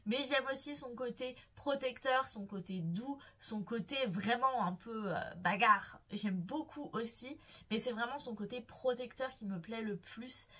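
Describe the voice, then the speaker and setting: A young woman chatting casually about her favorite books, gushing and playful, swooning over the characters she loves. Her voice sits a little higher than most. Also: unhurried, pushed and bright, husky. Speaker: book vlogger. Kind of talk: casual enthusiastic book chat.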